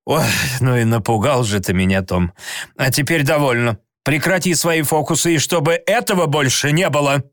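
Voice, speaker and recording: A man's voice: medium pitch, normal speed, fairly bright tone, no echo, clean studio sound, lightly acted. A man voicing a stern but loving old aunt who scolds in an exasperated way in a storybook reading. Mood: scolding.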